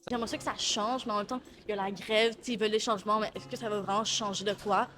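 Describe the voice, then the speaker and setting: A woman's voice: medium pitch, fairly even intonation, very fast, over music. A woman with a Quebec French accent, complaining casually in a street interview.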